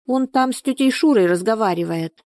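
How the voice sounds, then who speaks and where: A woman's voice: on the high side, animated, normal speed, darkish tone, no room sound, studio quality, voice pushed up. A woman voicing a small, frightened little girl with a thin, tearful voice in an audiobook. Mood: plain. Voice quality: thin childlike voice. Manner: whiny, tearful pleading.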